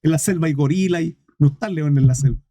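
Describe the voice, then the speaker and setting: A man's voice: on the high side, fast talker, warm tone, dry recording, studio quality. A man preaching a sermon as pastor, emphatic and repetitive, speaking straight to his congregation.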